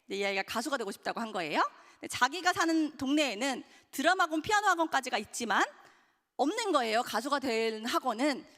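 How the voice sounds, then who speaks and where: A woman's voice: sits high, very animated, fast talker, a bit bright. A woman, an author, telling a story to an audience in an earnest way and speaking to them directly. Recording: hall with long reverb.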